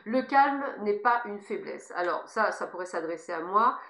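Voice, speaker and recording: A woman offering spiritual guidance messages speaks informally to her listeners, emphatic and encouraging, with a lisp on her s sounds. Her mid-range voice is fairly bright, with lively intonation at a normal pace. The room is echoey and reverberant, and there is slight background noise.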